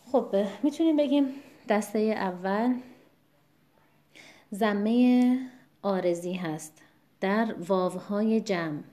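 Female recitation teacher, mellow tone, patient and formal, walks through examples slowly. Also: mid-range voice. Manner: patient, explanatory, slows to demonstrate examples; politely formal greetings. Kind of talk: online lesson lecture.

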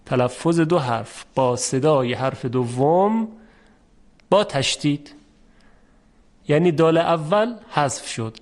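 A man teaching a lesson on recitation rules, patiently explaining step by step and repeating each example slowly. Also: fairly high pitch. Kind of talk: formal spoken lesson.

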